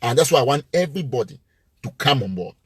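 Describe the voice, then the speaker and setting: A man's voice: medium pitch, expressive, fast, slightly rough, no room sound. A man hosting a live show, giving an impassioned, emphatic address that repeats its points with rising force. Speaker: live-show host and political commentator.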